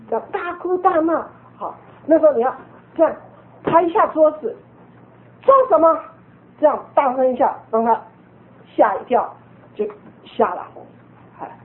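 A woman teaching a group of parents how to speak to their children, firm and coaching in manner. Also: fairly high pitch. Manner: firm, coaching, acts out scolding examples. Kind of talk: instructive talk to parents. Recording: tinny phone-like sound.

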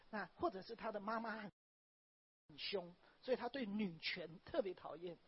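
A woman pastor, preaching a sermon and telling personal stories in an animated way, often tagging her phrases with a small "ha". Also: a little high, slightly rough. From Taiwan. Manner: animated storytelling, frequent "ha" tags, wraps points with "okay, like this". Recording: dull lo-fi recording.

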